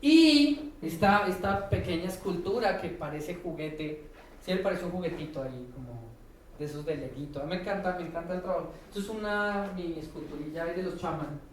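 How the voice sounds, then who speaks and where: Through faint noise, a distant mic and an echoey room, a Colombian man lectures informally as a professor at a conference. He talks fairly quickly in a high-sitting voice, colloquial and irreverent, with plenty of slang and short tag questions to check in.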